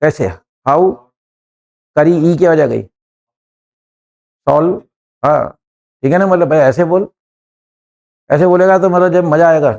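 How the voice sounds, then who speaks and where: A man's voice: on the high side, measured pace, gravelly, long pauses, a little mellow. A man teaching an English class, joking and quizzing students one by one.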